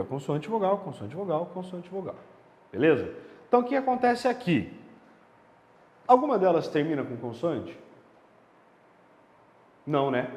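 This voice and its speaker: Grammar teacher guy, keeps checking in, bouncy delivery, lots of room echo. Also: fairly high pitch. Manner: lively, emphatic, checks in with the listener often. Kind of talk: video lesson. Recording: echoey room with long reverb.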